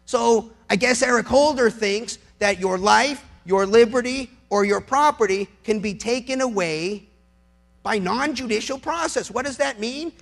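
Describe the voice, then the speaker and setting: With a very high, gravelly, somewhat bright voice, an American lawyer gives a fervent public speech at a measured pace. His tone is emphatic and sardonic, and he repeats phrases and poses rhetorical questions for effect.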